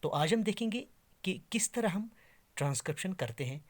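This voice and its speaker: A man giving a slow, deliberate English pronunciation lesson, drawing out each word as he demonstrates. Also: high-pitched, lively intonation. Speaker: English teacher. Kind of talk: classroom lesson.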